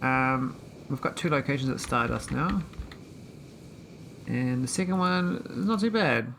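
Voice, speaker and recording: A man chatting casually while streaming a game, rambling with many pauses and talking to his viewers. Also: mid-range voice, expressive, creaky, a bit bright, a little hiss or hum. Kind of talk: casual live-stream chat.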